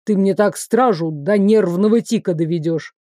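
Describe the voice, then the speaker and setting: A woman voicing a hot-tempered young tsarevich who barks insults in a slow, drawn-out way. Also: medium pitch, warm tone, dry recording, clean studio sound, close to an everyday voice. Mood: angry. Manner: gruff, barking insults, slow drawn-out delivery.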